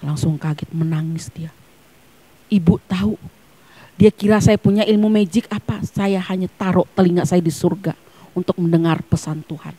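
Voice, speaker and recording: A woman pastor preaching a sermon at a church service. She is emphatic, swinging between hushed near-whispers and loud, fervent peaks. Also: on the low side, fairly even intonation, normal speed, husky.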